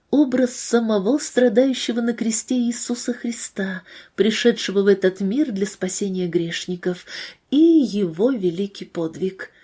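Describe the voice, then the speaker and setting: Brief: a woman reading a faith story, gentle and emotional, with a husky, mellow voice. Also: fairly high pitch. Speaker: narrator.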